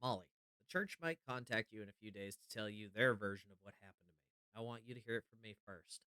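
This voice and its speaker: A man reading a horror game note aloud as a troubled priest, in a solemn, measured way. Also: fairly low pitch, pushed and bright, clean tone, no room sound. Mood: solemn confession. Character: troubled male priest reading out his farewell letter. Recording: music behind the voice.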